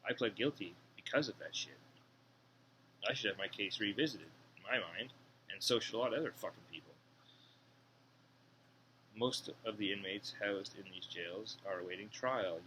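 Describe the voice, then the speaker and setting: Male, low bright voice, profane indignant ex-inmate monologue, faint hiss behind. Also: poor audio. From Canada. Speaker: former inmate reading and commenting on an article. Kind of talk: casual monologue, reading aloud with commentary.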